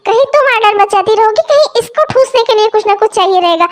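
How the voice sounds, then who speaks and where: A woman's voice: very high voice, lively intonation, fast talker. A woman voicing a harsh, quarrelsome young stepmother in a cartoon who scolds everyone. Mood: scolding. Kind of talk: cartoon voice acting.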